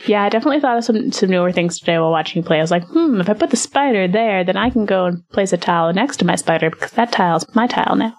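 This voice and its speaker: A woman hosting a podcast, chatting casually about a board game, laughing often, her voice jumping high when excited. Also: rapid-fire, few pauses. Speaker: podcast host.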